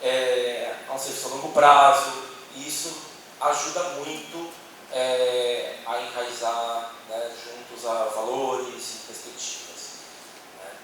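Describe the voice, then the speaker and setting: A man's voice: mid-range voice, fairly even intonation, slow, a bit bright, far from the mic. A man with a Brazilian accent giving a conversational church talk to an audience, with many tag questions. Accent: Brazilian Portuguese. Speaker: speaker on a church panel. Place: meeting hall with an audience. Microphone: handheld microphone. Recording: echoey hall, voice from off-mic, noisy.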